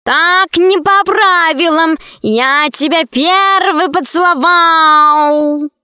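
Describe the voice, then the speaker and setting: A woman voicing a sly, boastful male tomcat in a children's story, crying out in shrill squeals. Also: drawn-out words, bright, forceful tone, no echo, studio quality, exaggerated voice. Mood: whining.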